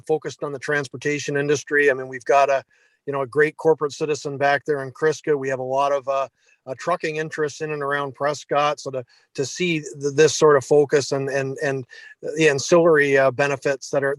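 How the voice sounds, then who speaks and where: A man's voice: a little high, no echo. Man talking over a phone line. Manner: rambling, upbeat, polite. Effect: speaking over a phone line. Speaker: committee member at a town meeting. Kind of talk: remote meeting comments.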